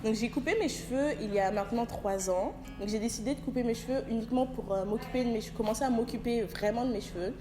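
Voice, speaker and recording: A woman's voice: fairly high pitch, fast talker, hardly any pauses. A woman from France introducing herself in a casual group discussion, speaking thoughtfully with some hesitation. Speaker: panel guest. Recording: echoey room with music.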